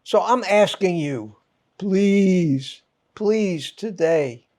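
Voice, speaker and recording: A man hosting his own channel rants to viewers in short, punchy, exasperated bursts, swearing for emphasis. His voice is high-pitched, animated and darkish, yet he speaks extremely slowly, and he has a mild head cold.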